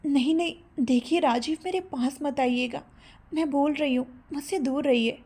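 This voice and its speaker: A woman voicing a feisty, mischievous young college woman who is cheeky and quick to protest. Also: on the high side, mellow. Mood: alarmed.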